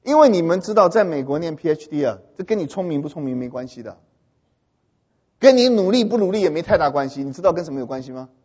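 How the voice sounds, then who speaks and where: A high, lively male voice that swoops around, slightly husky, telling a humorous story to an audience and pausing to ask whether they follow. It reaches the listener through a dull, lo-fi recording with long hall reverb. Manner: animated, keeps checking if listeners understand. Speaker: speaker addressing an audience.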